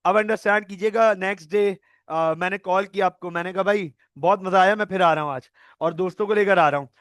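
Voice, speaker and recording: A man's voice: high-pitched, fairly quick, fairly bright tone, no echo, studio quality. A male accounting tutor giving an online lecture, playfully acting out scenarios and mixing in English terms.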